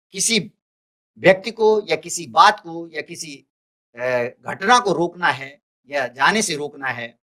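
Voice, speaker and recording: A man's voice: high-pitched, fairly bright tone. A male teacher giving a recorded lesson, explaining carefully and restating each point. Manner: deliberate, repeats and restates points.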